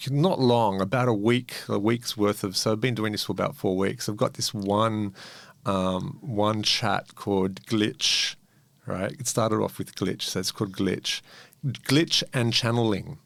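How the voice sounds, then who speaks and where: A man co-hosting a podcast in casual chat, rambling and animated, swearing freely. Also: lowish voice, unhurried, creaky, no room sound. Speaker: podcast co-host.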